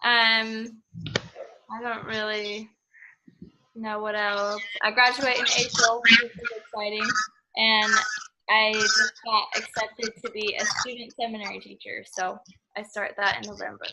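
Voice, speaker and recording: A woman's voice: mid-range voice, flat delivery, measured pace, heavy background noise. A young woman from Idaho, a student chatting casually on a video call, full of fillers. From Idaho, USA. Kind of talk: casual group discussion.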